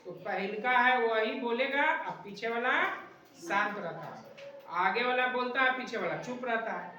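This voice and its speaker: A woman's voice: fairly high pitch, pushed and bright. A woman teaching an English class, quizzing her students with repeated questions and tag checks. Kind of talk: classroom lesson. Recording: echoey room recorded from far off.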